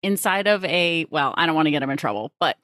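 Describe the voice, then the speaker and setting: A woman hosting a podcast, effusive and enthusiastic, chatting warmly with her guest and laughing often. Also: low-pitched, lively intonation, fast talker, no echo, studio quality. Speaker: podcast host. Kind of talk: podcast interview chat.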